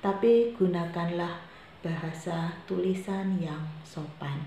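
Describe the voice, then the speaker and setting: A woman's voice: fairly low pitch, takes it slowly, mellow. A woman homeroom teacher giving her students a firm briefing, repeating her reminders. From Indonesia. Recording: very echoey room with faint noise.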